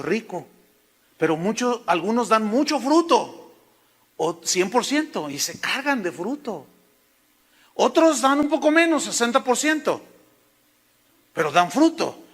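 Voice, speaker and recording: A Mexican-accented pastor preaching in a high, bright voice, telling homely stories and calling listeners "brother". His sermon rings through a long reverb in a church. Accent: Mexican Spanish. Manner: folksy storytelling, addresses listeners as hermano.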